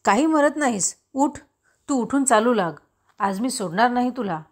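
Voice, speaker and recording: A woman's voice: mid-range voice, moderate pace, close to an everyday voice. A woman voicing a stern village mother who scolds her son, in a storybook reading. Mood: angry scolding. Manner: scolding, forceful.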